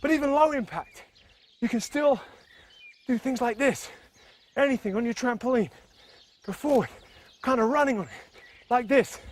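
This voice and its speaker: A man's voice: extremely high pitch, moderate pace, long pauses, a little hiss or hum. A man leading a fitness video, talking energetically and a little out of breath as he bounces and demonstrates moves. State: slightly out of breath while exercising. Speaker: fitness instructor.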